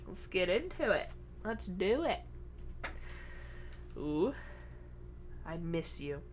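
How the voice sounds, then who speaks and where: A woman's voice: fairly low pitch, big pitch swings, slow pace, slight background noise. A woman hosting a gaming channel, chatting casually and reading a horror game's text aloud with joking asides. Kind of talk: casual let's-play commentary.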